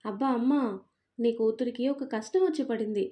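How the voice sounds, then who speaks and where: A cheeky young daughter who whines and teases her parents with affection, as a woman puts her on. The voice sits a little high, but the tone stays warm and mellow, like a storybook read aloud. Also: fairly quick, natural voice. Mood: whiny teasing. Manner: teasing, whiny and affectionate.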